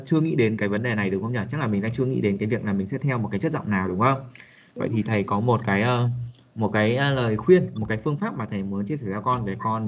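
A man's voice: lowish voice, muffled recording, slight background noise. A man teaching a casual spoken English lesson, hesitant with many fillers, talking to a young student. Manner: hesitant, many fillers, addresses listener as a child.

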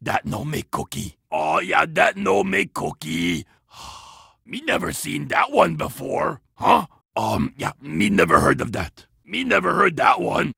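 A man voicing a greedy, childlike cookie-loving monster in a children's game, with a gravelly voice and broken grammar. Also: a little high, huge pitch swings, measured pace, pushed and bright, no echo, clean studio sound, exaggerated voice. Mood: eager. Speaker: in-game character.

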